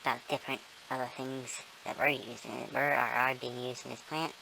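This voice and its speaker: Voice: steady tone, fairly quick, vocal fry, noisy background. A person talking through a voice-morphing filter that makes them sound like a small squirrel, casually rambling through a gameplay tour with many ums and self-corrections. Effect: voice-morphing filter, squeaky and small like a squirrel. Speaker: gamer giving a tour of a build.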